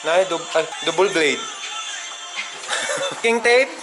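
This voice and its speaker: A man's voice: fairly high pitch, animated, extremely slow, over music. A man vlogging casually with a handheld camera, joking and laughing often as he switches between languages indoors. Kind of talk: casual vlog chat. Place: indoors, busy house during wedding preparations. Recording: loud background noise.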